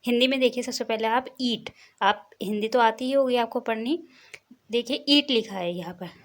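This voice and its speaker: A woman's voice: fairly high pitch, moderate pace. Patient woman teaching English. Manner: patient, repeats words and spells letter by letter. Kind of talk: slow spelled-out teaching.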